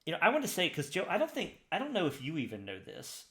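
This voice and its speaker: A man's voice: fairly high pitch, wildly swooping pitch, fast, bright, forceful tone. Enthusiastic man in an echoey room. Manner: enthusiastic, rambling with restarts. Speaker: podcast co-host. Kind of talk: casual chat. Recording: roomy echo.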